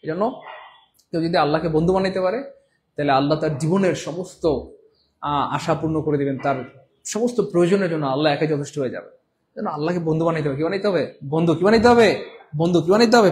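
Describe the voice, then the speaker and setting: A man's voice: fairly high pitch, expressive, fast, a little mellow. A male grammar teacher from Bangladesh giving a classroom lecture, asking questions and answering them himself while repeating key points.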